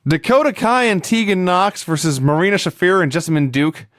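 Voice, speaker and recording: A man co-hosting a podcast, recapping in casual chat with a sarcastic, animated manner. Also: sits high, fairly quick, dry recording, clean studio sound. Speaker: podcast co-host.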